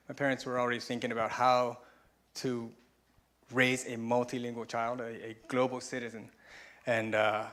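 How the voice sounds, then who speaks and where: This conference speaker is a man in his forties from Taiwan, standing on a stage in a conference room. His medium-pitched voice has a fairly bright tone as he chats through his slides, self-deprecating and chuckling at his own humor.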